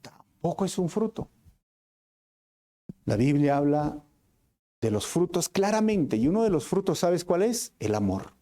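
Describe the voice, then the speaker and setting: A male pastor with a Peruvian accent preaching a sermon in church, animated and full of rhetorical questions to the congregation. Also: on the high side, unhurried, pauses often. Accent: Peruvian Spanish. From Peru.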